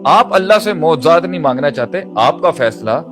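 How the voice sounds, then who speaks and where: A man's voice: on the high side, animated, normal speed. A man preaching a motivational sermon, pressing his point with repeated rhetorical phrases and English terms mixed in. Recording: music playing under the voice.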